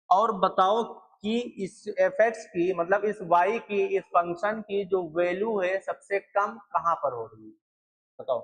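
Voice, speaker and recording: A man's voice: sits high, a bit bright, rough recording. A young man lecturing on math at a board, repeating points and asking his students questions. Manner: repetitive, asks students questions. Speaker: math teacher.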